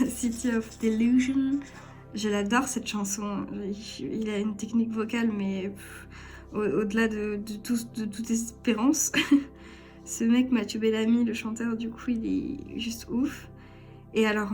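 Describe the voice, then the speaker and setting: A young woman chatting casually to camera at home as a vlogger, giggly and self-deprecating. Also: mid-range voice. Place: at home, at a table. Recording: faint music underneath. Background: soft background music.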